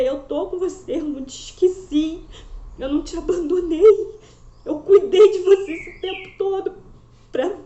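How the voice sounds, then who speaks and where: A woman's voice: sits high, mellow. A woman, a mother, telling an emotional religious testimony in an earnest, repetitive storytelling way. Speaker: mother giving a faith testimony. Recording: roomy echo, slightly dull sound.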